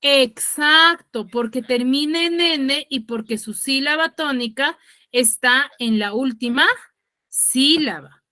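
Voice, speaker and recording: A woman teacher explaining over a video call, often checking understanding with quick tag questions and correcting herself mid-sentence. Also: sits high, sharp tone, dry recording, studio quality. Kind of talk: online class explanation.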